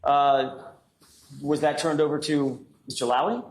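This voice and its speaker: A male defense attorney in a courtroom recording, pressing a witness with rapid-fire cross-examination questions. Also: fairly high pitch, fairly even intonation. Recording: echoey courtroom audio, faint noise.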